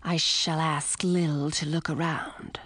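A woman voicing a calm, protective male snake with a hushed, whispery voice in an audiobook. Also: low voice, dry recording, pitched below the performer's own voice, full character voice. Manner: slow, quiet, measured. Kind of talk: audiobook character voice.

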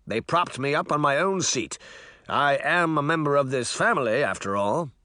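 A man's voice: fairly high pitch, animated, moderate pace, pushed and bright, no echo, studio quality, voice pushed up. A man voicing a vain, theatrical magic mirror that brags and sulks in a showy way. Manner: pompous, showy bragging.

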